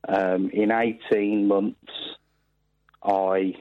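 Calling in to a phone-in show, this man in his thirties speaks extremely slowly in a lowish voice with little pitch movement, hesitating with plenty of ums and restarts during a casual chat. The audio has that dull over-the-phone quality, with no room sound.

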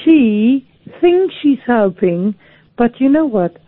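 A woman's voice: a little high, big pitch swings, takes it slowly, no echo. A tipsy woman calling in over the phone on speakerphone, slurring and arguing with the host. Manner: slurring, argumentative. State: tipsy after a few drinks. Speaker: caller. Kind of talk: call-in radio chat. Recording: tinny dry phone line.

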